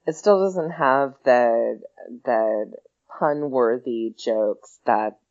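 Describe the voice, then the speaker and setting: A man's voice: medium pitch, extremely slow, darkish tone. A man co-hosting a podcast in casual sports banter. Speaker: podcast co-host. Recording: dull lo-fi podcast audio.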